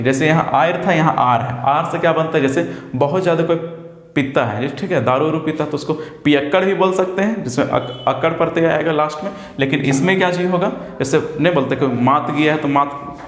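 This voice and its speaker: A young man, teaching an exam-prep lesson in a casual style and answering his own questions. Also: a little high. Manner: asks questions and answers them himself, drawn-out example words. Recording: echoey room with long reverb.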